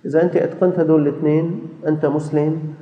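A man's voice: fairly high pitch, flat delivery, rapid-fire. A man preaching a sermon, telling stories and acting out dialogues as he exhorts his listeners. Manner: storytelling, quoting dialogues, exhorting. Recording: echoey hall, dull lo-fi sound.

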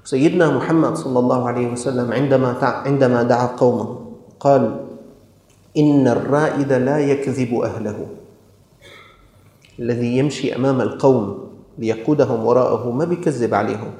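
Preacher in a reverberant hall. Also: male voice, medium pitch, fairly even intonation, quick pace, a little mellow. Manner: earnest, rhetorical, storytelling. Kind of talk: sermon.

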